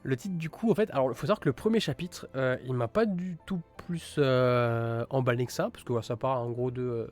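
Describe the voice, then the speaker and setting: A man's voice: medium pitch, brisk, hardly any pauses, a little mellow. Rambling male streamer, faint music behind. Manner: rambling, many fillers and restarts; enthusiastic about gory titles. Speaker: streamer reviewing manga. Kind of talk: casual live-stream chat.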